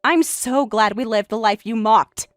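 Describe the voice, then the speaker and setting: A composed, quietly defiant young professional bride played by a woman in a family drama story. She speaks in a fairly high, lively voice with pointed, matter-of-fact delivery, recorded dry over faint music. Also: a little slow, no echo, natural voice. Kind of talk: acted dialogue in a narrated family drama.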